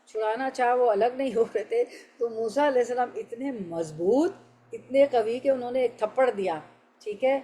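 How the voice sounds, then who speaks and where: Mellow-voiced woman teaching scripture. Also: fairly high pitch. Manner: patient, explains step by step and asks the class questions. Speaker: Quran teacher. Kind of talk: religious lesson explaining verses.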